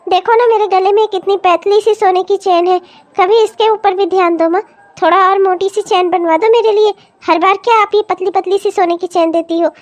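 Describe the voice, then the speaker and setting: A woman's voice: very high-pitched, fairly even intonation, normal speed. A woman voicing a greedy younger married daughter in a cartoon comedy, who keeps demanding more from her mother. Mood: wheedling. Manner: demanding, wheedling.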